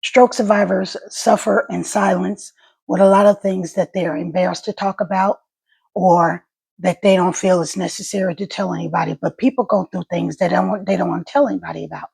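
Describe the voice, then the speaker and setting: A woman with a gargly, wet-sounding, husky voice, talking casually to her viewers in a vlog with a slight stutter. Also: on the low side, steady tone, darkish tone. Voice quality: gravelly, husky. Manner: slightly stuttering, halting speech. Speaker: vlogger and stroke survivor.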